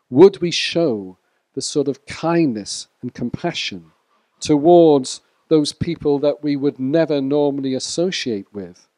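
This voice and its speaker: A man preaching a sermon to a church congregation in a measured way, sometimes speaking to people in the room. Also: fairly high pitch, warm tone, no echo. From Wales.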